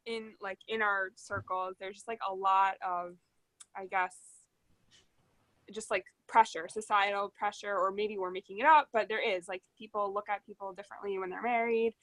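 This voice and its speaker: A woman's voice: mid-range voice, steady tone, moderate pace, a bit bright, no echo. A woman co-host, hesitant with many fillers, reading out listener questions.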